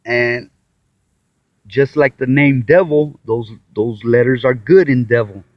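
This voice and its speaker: A tired, self-taught Bible commentator rambles casually to camera, slowly drifting and circling back with sighs, restarts and acted-out quotes. His mid-range voice has fairly even intonation, and the recording is dry, dull and muffled, with no room sound.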